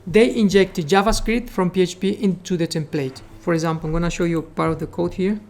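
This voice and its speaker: A brisk, creaky, mid-range voice with a steady tone comes from a Caribbean Spanish-accented coding instructor, with a faint hiss or hum in the audio. Teaching live, he explains each step, coaxes his students, and says "remember" and "okay" again and again.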